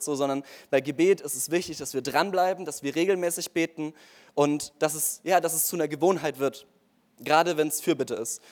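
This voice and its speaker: A young man giving an earnest, casual sermon-style testimony, speaking straight to his listeners with frequent fillers. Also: a little high.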